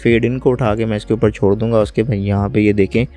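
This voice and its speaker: Calm man with a low, flat voice. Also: fast, soft background music. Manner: calm, step-by-step, often says "friends". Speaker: software tutorial host. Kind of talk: screen-recorded software tutorial.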